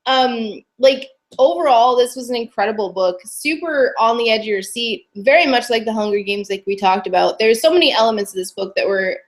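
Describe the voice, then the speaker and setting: A woman co-hosting a casual book club live stream, enthusiastic and quick to laugh. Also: a little high.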